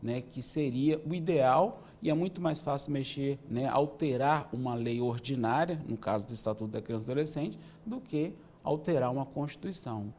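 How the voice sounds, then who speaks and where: Police chief, 50s, mellow mid-range voice, measured explainer. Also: male voice, medium pitch, slight background noise. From Minas Gerais, Brazil. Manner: measured, explanatory, with many "né" tags. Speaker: police chief, interview guest. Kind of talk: interview answers.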